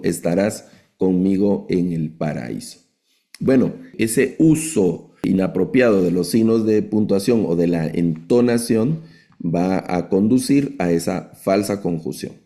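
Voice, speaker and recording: A man's voice: fairly low pitch, creaky, mellow. A man teaching a lesson on logical fallacies, explaining step by step with frequent restarts and repeated words.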